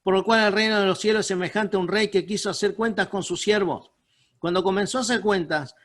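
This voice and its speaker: A man's voice: high-pitched, fairly bright tone. A man preaching a Sunday sermon, speaking emphatically and breaking into pleading, prayer-like lines. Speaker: pastor. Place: home room over a video call. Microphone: video call mic.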